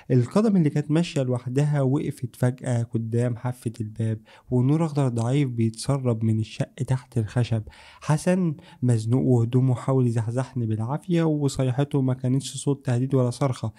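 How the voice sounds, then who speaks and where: A man's voice: medium pitch, warm tone. A man telling a first-person horror story as scripted, tense, suspenseful narration.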